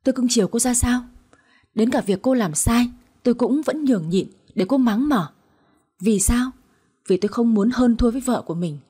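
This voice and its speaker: A woman voicing a cold, vengeful husband who speaks harshly and with scorn, in a soft, somewhat breathy voice. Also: medium pitch, close to an everyday voice. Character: cold, vengeful husband, a man in his thirties.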